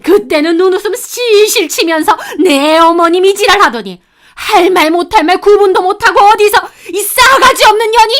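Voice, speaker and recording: A domineering older mother-in-law who scolds and hurls insults, her voice pitched high above most women's, as a woman reads her part in a dramatized story. She talks down with open contempt. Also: lively intonation, drawn-out words, sharp tone, heavily acted. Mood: furious.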